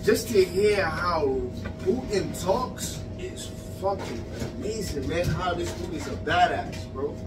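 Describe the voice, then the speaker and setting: A man's voice: sits high, animated, slow pace, hardly any pauses. A young man in a small pizza shop talking loosely in slang, with casual swearing. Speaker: interviewee. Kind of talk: casual street conversation. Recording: distant mic, music behind.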